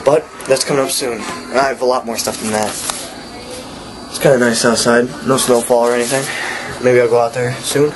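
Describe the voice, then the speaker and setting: A man's voice: medium pitch, fairly even intonation, brisk, noisy background. A man talking casually to his viewers in a home vlog, upbeat and chatty, calling them guys. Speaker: vlogger. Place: family home on a holiday.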